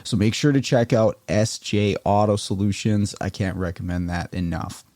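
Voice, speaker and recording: A man hosting a podcast, reading sponsor spots and chatting with a guest in a relaxed, conversational way. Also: lowish voice, normal speed, dry recording, studio quality. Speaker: podcast host. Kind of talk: casual podcast interview.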